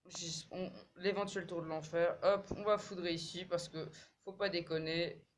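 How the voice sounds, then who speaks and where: A man commentating his own mobile game match in casual French slang, swearing and repeating words when excited. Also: high-pitched, normal speed, slight background noise.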